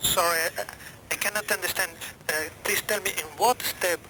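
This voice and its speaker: A man giving technical instructions over a radio link in careful, short, deliberate phrases. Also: high voice, fairly even intonation, pushed and bright. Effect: radio transmission. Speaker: ground experiment specialist. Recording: faintly noisy mission radio link.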